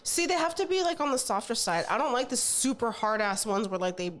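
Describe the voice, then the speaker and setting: A woman's voice: on the high side, sing-song, fairly quick. A woman chatting informally as a podcast co-host, with lots of "like" and some swearing. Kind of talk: casual chat.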